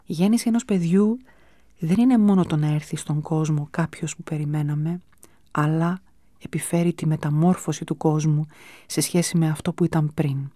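A woman hosting a radio show, giving a calm, measured, scripted book review. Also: sits low, dry recording, clean studio sound. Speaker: radio host presenting books.

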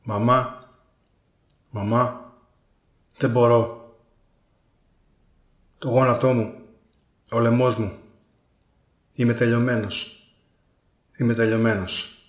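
A man's voice: mid-range voice, roomy sound. A male actor and radio co-host giving a dramatic reading, pleading in short, breathless repeated phrases.

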